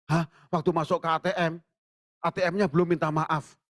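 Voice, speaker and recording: A male pastor delivers a sermon with animated storytelling. He acts out conversations and jokes with the congregation. His voice sits a little high and sounds close and dry, with little room around it. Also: normal speed, no room sound. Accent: Indonesian. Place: church sanctuary.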